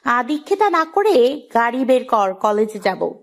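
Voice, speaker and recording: A woman's voice: fairly high pitch, very animated, a little slow. A woman playing a scornful bossy young wife. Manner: harsh, contemptuous, bossy. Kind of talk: audio drama acting.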